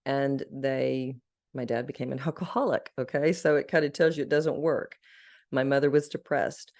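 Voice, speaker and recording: A woman's voice: rumbling low, steady tone, moderate pace, a little mellow. Earnest middle-aged woman from Arkansas. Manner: earnest, heartfelt, candid. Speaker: guest. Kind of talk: personal storytelling in a podcast interview.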